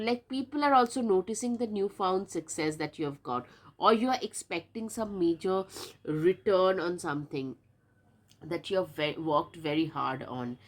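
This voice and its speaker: A woman with a blocked, stuffy nose talks through a tarot reading in a loose, chatty way. She leans on fillers and says the same words twice. Her voice sits in an ordinary middle pitch. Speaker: tarot reader. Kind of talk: casual tarot reading to camera.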